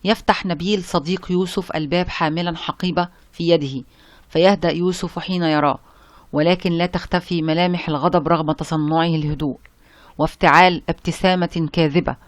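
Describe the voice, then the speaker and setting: A narrator giving a measured, formal reading of a novel. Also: medium pitch, steady tone, no room sound. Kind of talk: scripted audiobook narration.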